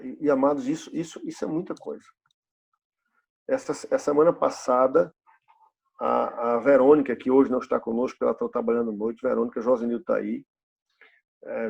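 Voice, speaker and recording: A man's voice: mid-range voice, gravelly, a little mellow, slightly rough, highs cut off. A pastor in his fifties preaching a sermon in a church, asking the congregation rhetorical questions and repeating key phrases. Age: 50s.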